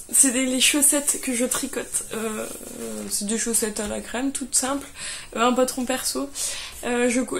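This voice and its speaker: A fairly high-voiced young woman talks through her knitting projects in a loose, halting way, full of fillers and restarts. She sounds a little tired, and a faint hiss sits under the recording. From France. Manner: hesitant, many fillers and restarts. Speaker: knitting vlogger. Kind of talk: casual chat.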